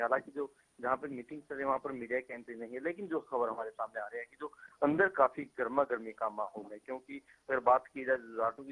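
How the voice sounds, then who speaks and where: A male field reporter phoning in a news update, talking quickly and loosely from the scene. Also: medium pitch, fairly bright tone. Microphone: phone line. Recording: tinny phone line.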